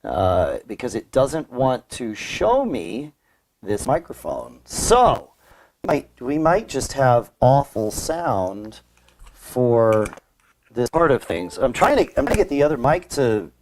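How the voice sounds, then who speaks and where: A man co-hosting a casual tech podcast through a muffled laptop mic that makes him sound like he is at the bottom of a well. He talks in halting bits and restarts his sentences. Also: mid-range voice, sing-song, a little mellow, slight background noise. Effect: muffled laptop mic, like talking from the bottom of a well. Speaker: podcast co-host.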